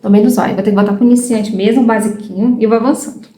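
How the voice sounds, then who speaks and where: A Brazilian woman in her thirties, talking casually and frankly to her viewers with a Brazilian accent. Her voice sits a little high. The room gives a roomy echo. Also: steady tone, fast talker, warm tone. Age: 30s. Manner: chatty, frank, loses her train of thought. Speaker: vlogger learning English.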